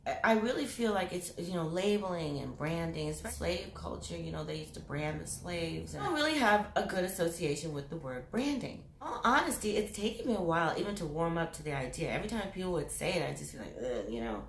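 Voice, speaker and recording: A woman's voice: lowish voice, sing-song, quick pace, gravelly, hardly any pauses, slight background noise. A woman hosting her own vlog, chatting to camera in a giggly, rambling way that drifts into tangents. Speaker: vlogger and channel host. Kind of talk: casual chat to camera. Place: room with mirrors. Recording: echoey room.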